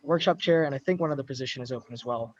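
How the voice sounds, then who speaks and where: A man's voice: mid-range voice, racing, dry recording. A man running a student club's video call, announcing upcoming events in a loose, casual way with many ums and uhs. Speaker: student club officer hosting a meeting. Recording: muffled video-call audio.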